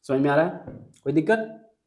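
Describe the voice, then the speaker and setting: In his classroom lecture, a literature teacher unpacks a poem line by line, alternating Hindi and English, repeating key lines and checking understanding. His voice is a little high and slightly mellow, with lively intonation at a moderate pace.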